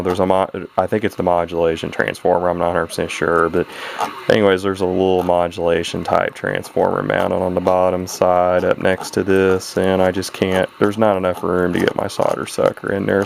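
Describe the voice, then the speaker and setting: Low-pitched and full of vocal fry, a man chats his way through his own radio repair in a rambling, folksy style, frequently correcting himself. The footage is a noisy handheld-camera home video.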